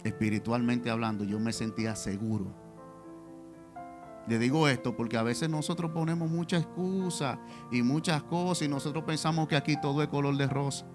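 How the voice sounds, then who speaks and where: A man's voice: mid-range voice, fairly even intonation, moderate pace, over music. A man preaching a testimonial sermon in church, speaking directly to the congregation with rhetorical questions. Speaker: pastor.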